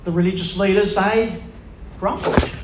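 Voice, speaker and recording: A man preaching a sermon who puts questions to the congregation and lets pauses land for emphasis. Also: high-pitched, fairly even intonation, heavy background noise. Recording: echoey room with faint ambience.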